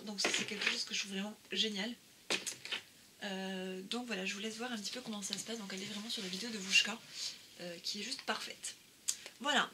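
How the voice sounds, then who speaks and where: A woman talks casually about her craft purchases, pausing often with fillers and restarting her sentences. Her voice sits at an ordinary pitch, and clear background noise with occasional clicks runs under the recording. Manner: hesitant, many "euh" fillers and restarts. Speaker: craft vlogger. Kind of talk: casual haul video.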